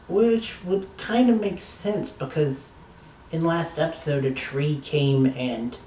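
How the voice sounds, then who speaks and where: Guy slowly rambling thru a tv episode review, fan energy, bit of swearing, echoey room and kinda off mic. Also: medium pitch, a little mellow, recorded from a distance, a little hiss or hum. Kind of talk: casual review monologue.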